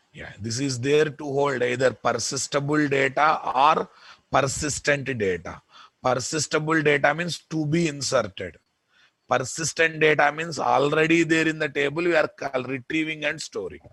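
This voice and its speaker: A man with a Telugu Indian accent teaching software in an informal lecture, repeating points emphatically and often checking with listeners. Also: medium pitch, breathy edge, no room sound. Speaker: programming instructor.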